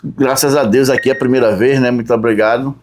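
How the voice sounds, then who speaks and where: A man from Recife chats as a podcast guest. He talks at an unhurried pace, listing his jobs one by one and tagging his sentences with a questioning "né?". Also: mid-range voice, fairly even intonation, a little mellow, a little hiss or hum. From Recife, Brazil. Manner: unhurried, lists his work step by step with frequent "né?". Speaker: podcast guest, tourism guide. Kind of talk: casual interview chat.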